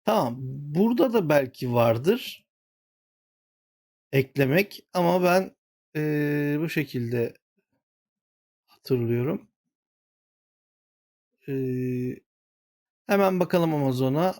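A man's voice: on the high side, lively intonation, takes it slowly, long pauses, a little mellow. A man hosting a gaming channel, walking viewers through a screen-share tutorial and muttering to himself when he gets flustered.

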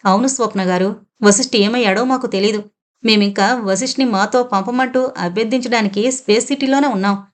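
A woman voicing an alien caller who speaks calmly and gravely, reasoning with a distraught mother. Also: on the high side, a little fast, natural voice. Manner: calm and grave, pleading reasonably.

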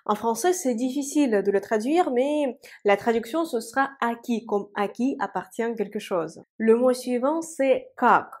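A woman teaching a language lesson, speaking slowly and carefully and repeating example words. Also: on the high side, darkish tone. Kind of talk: Russian lesson for French speakers.

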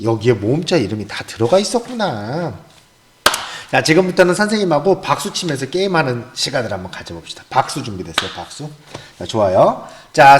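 A man's voice: medium pitch, reverberant. A man teaching young children, cheerfully leading them through a call-and-response chant while they clap along. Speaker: elementary school teacher. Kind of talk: children's lesson.

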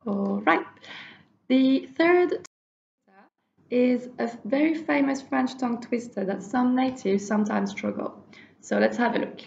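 Teacher, female, fairly high voice, unhurried drill pacing. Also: vocal fry, reverberant, highs cut off. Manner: slow, careful pronunciation drills. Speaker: French teacher. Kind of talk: language lesson.

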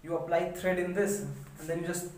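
A woman physics teacher explains a lesson step by step and often asks the class whether it is clear. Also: lowish voice, little pitch movement, brisk, darkish tone, a little hiss or hum. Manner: explains step by step, checks understanding with questions. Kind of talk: recorded online lecture. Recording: echoey room, voice from a distance.

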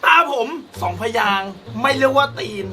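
A man playing a guessing game with friends, loud and teasing, swearing freely. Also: extremely high pitch, moderate pace, noisy background. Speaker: game player. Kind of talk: casual guessing-game chat.

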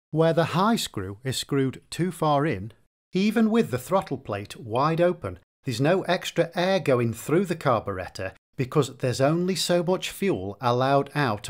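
Methodical man explaining engine repairs. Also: mid-range voice. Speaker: repair tutorial presenter. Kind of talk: scripted instructional narration.

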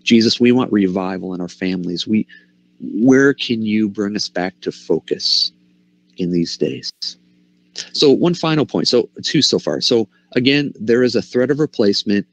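A man's voice: on the low side, expressive, moderate pace, vocal fry, no room sound. A man preaching a passionate sermon, asking the congregation rhetorical questions. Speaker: pastor.

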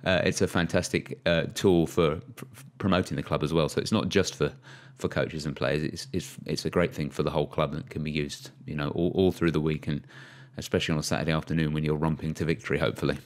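A man hosting a cricket podcast in casual chat, talking in a relaxed way with fillers and restarts. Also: extremely low pitch, fast talker. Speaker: podcast host.

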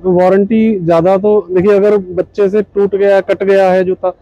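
A man's voice: high voice, level tone, moderate pace, mellow, no echo, lo-fi sound. A man in his thirties explaining his company's shoes at a trade expo stall, patient and full of fillers and polite "ji, sir". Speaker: footwear company representative. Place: indoor exhibition hall stall.

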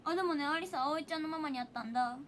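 Giggly young woman with a high bright voice. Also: rapid-fire, a little hiss or hum. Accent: Hiroshima. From Hiroshima, Japan. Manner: giggly, chatty, laughs often. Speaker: idol livestreamer. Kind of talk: casual livestream chat reading viewer comments.

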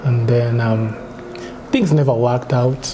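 A young man with a Kenyan accent, a guest chatting candidly, mixing English and Swahili with halting restarts, recorded on a restaurant set. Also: medium pitch, steady tone, noisy background. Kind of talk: casual interview chat.

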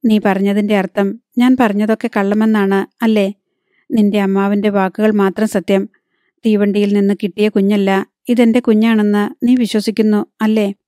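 Woman reading as a wounded young husband, stern and pleading, mellow dry storybook voice. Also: mid-range voice, level tone, normal speed, no echo, close to an everyday voice. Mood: harsh.

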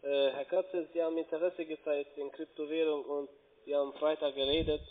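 Over a tinny phone line, a man cold-calling as an investment scammer rambles pushily through a sales pitch in foreign-accented German with broken grammar. His voice is a little high, his delivery flat and brisk.

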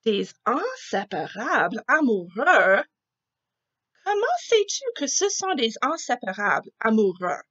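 A woman's voice: on the high side, very animated, slow, a bit bright, slightly rough, muffled recording, exaggerated voice. A woman voicing a large, anxious male elephant from a storybook, crying out in alarm. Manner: panicky cries.

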